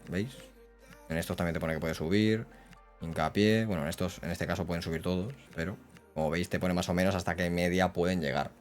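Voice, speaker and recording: Excitable gamer, low voice. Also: male voice. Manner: excitable, slangy, yells at goals. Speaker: gaming YouTuber. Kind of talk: live gameplay commentary.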